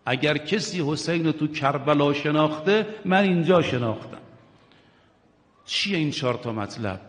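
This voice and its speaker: Male preacher with a fairly high voice, delivering an impassioned sermon that swings from hushed to loud, recorded with long reverb in a large hall. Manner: addresses listeners directly, urging and questioning. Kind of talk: religious sermon.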